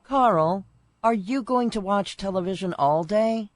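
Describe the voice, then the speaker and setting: A woman voicing Sally, a friendly young woman in a scripted course dialogue, with clear, evenly paced textbook delivery. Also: medium pitch, slow pace, no echo, natural voice. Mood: cheerful.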